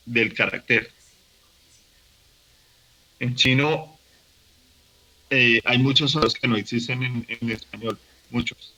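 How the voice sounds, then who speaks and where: A man teaching a workshop lesson, explaining patiently with fillers and restarts, slowing down to demonstrate syllables. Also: medium pitch, creaky, sharp tone, rough recording. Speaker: language teacher. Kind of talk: recorded online workshop lesson.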